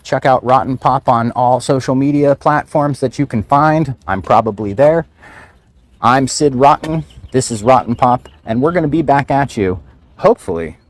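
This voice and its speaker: A man's voice: medium pitch, no room sound. A man hosting a film podcast, reading a scripted movie review in a wry, sarcastic way with casual fillers.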